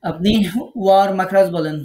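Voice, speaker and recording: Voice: medium pitch, fairly even intonation, moderate pace, mellow. A Quran recitation teacher from Bangladesh leading an online class over a video call, patiently asking students questions and correcting their pronunciation step by step.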